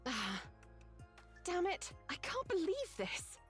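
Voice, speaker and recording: A woman's voice: very high voice, wildly swooping pitch, slow pace, fairly bright tone, soft background music, exaggerated voice. An actress playing a hot-tempered, super-strong female soldier in a game, blunt and irritable. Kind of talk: game voice acting.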